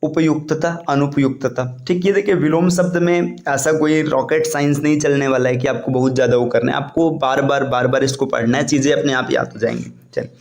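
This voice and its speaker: A man teaching an exam vocabulary lesson over slides, reading words in a steady list and adding short explanations. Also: medium pitch, brisk, hardly any pauses, roomy sound. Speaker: Hindi exam tutor.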